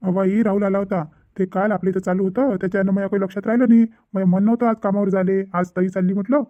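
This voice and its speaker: A man's voice: high voice, little pitch movement, fast, dry recording, phone-quality sound, lightly acted. A man voicing a worried young village brother who rambles and repeats himself in a cartoon family drama.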